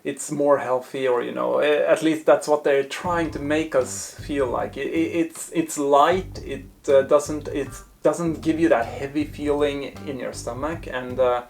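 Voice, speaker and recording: A man's voice: on the high side, fairly even intonation, unhurried, gravelly, few pauses, soft background music. A man presenting a casual taste-test review, thinking aloud in hesitant, broken phrases. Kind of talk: casual food review talk to camera.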